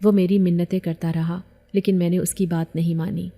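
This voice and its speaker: A woman narrating a first-person story with a steady, even reading. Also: on the low side.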